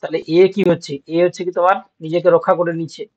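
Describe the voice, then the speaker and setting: A slightly high-voiced man teaches an exam-prep class. He explains step by step and keeps checking that the students follow. The recording sounds dull and lo-fi. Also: flat delivery, racing.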